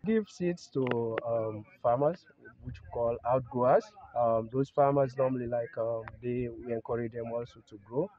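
A man's voice: mid-range voice, moderate pace, dull audio, crowd noise. A man in his forties, a farm company head, explaining his work in an outdoor interview, hesitating often with ums. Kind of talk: field interview. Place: open rice field outdoors.

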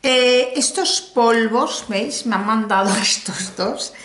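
A Spanish-accented beauty vlogger, middle-aged and from Spain, speaks slowly in a fairly high, fairly bright voice. Chatting casually and exclamatorily straight into the camera, she goes through a makeup haul. The recording has room echo and faint noise.

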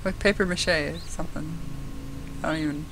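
A woman's voice: deep voice, fairly even intonation, fairly quick, noisy background. A woman playing a horror game, talking to herself in a jittery, giggly way. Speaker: gamer.

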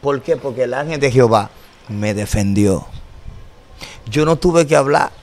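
A man's voice: medium pitch, expressive, unhurried, darkish tone. A middle-aged man telling a personal religious testimony in an earnest storytelling way, acting out what others said to him. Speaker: guest telling his testimony. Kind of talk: emotional spoken testimony.

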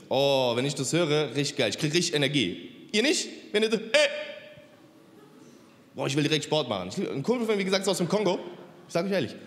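A man performing a stand-up comedy set on a club stage, talking straight to the crowd and slipping into mimicked voices. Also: fairly high pitch. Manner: punchy, mimics accents and voices, addresses crowd. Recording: live stage in a hall with reverb, faint crowd noise.

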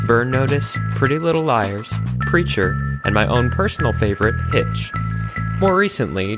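A man hosting a podcast interview, reading an upbeat intro and then asking joking questions. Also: medium pitch. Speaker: podcast host.

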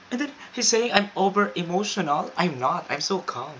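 A woman with a Filipino accent giving a comic monologue as a vlogger, boasting in a mock-confident, deadpan way. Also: on the low side, unhurried. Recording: dull lo-fi with faint hiss.

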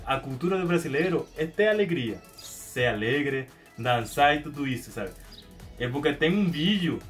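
Venezuelan man vlogging in Portuguese, hesitant. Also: on the high side. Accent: Venezuelan Spanish. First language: Spanish. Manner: hesitant, many restarts and repeated words; animated hand gestures. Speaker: YouTuber. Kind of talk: casual vlog to camera. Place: small indoor room at home.

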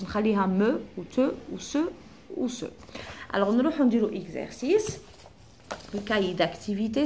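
Woman teaching grammar, slow dictation. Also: medium pitch, slight background noise. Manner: slow, spelled-out dictation of forms, switching between French and dialect. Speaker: primary school teacher. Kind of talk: classroom grammar lesson.

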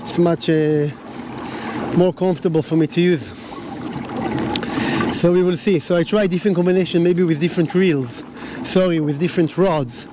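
Israeli man talking halting English from a kayak. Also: on the high side, fairly even intonation. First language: Hebrew. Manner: halting, many fillers and restarts. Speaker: fishing vlogger. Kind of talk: casual talk to camera. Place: kayak out at sea. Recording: wind and water noise behind.

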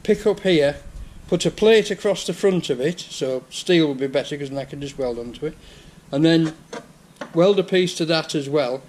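A man's voice: on the high side, moderate pace, darkish tone. An older man with a Yorkshire accent, chatting through a repair in his garage workshop on a head-worn camera. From England. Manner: chatty, explaining repairs step by step. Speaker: vlogger. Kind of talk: casual workshop vlog. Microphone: head-mounted action camera.

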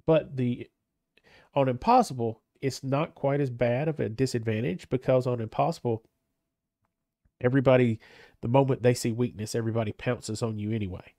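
A gaming channel host, stuffed up from a cold, gives casual let's-play commentary on a strategy game in a congested, medium-pitched voice at normal speed. He rambles hesitantly, restarting often and circling back, and his tone is dark and mellow. The recording is dry and close with no room sound.

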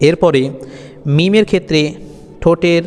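A man teaching Arabic letter pronunciation in an online lesson, speaking patiently and repeating each sound with a drawn-out chant. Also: a little high, a little mellow, big-room sound. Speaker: Quran teacher.

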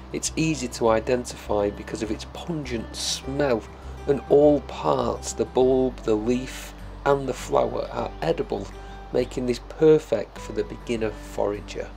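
A man's voice: medium pitch, creaky, darkish tone. A middle-aged man from England, walking through an outdoor cooking tutorial in a friendly, step-by-step way, recorded outdoors in woodland. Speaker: family nature educator.

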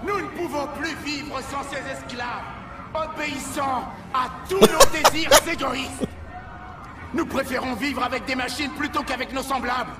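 A man voicing a fiery male street preacher who rants against androids in declamatory, shouting video game dialogue. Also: extremely high pitch, normal speed, distant mic. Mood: preaching. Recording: game audio with music behind.

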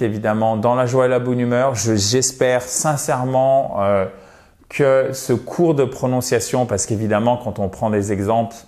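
A man teaching English pronunciation in an online lesson, patient and friendly, modelling words slowly and checking in often. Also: mid-range voice, darkish tone.

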